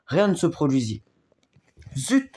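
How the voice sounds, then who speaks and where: A man's voice: a little high, normal speed, darkish tone. Young man reading a Christmas tale. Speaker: storyteller.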